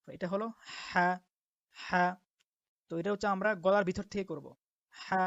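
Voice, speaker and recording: A woman teaching the Arabic letters step by step as a Quran teacher, patiently repeating each sound slowly. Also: on the low side, dry recording. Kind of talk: step-by-step alphabet lesson. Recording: dull lo-fi dry recording.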